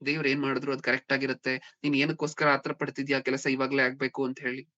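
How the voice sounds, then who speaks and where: A man's voice: medium pitch, level tone, fast talker, bright, forceful tone. A man preaching a sermon, often checking in with his listeners with rhetorical questions. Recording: dull lo-fi recording.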